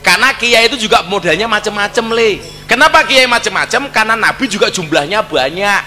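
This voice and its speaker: A man's voice: high voice, a little fast, soft background music. A man with a Javanese accent preaching a sermon, telling stories with jokes and slipping into Javanese. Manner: joking, lively storytelling, slips into Javanese. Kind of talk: sermon with humorous storytelling. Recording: hall reverb.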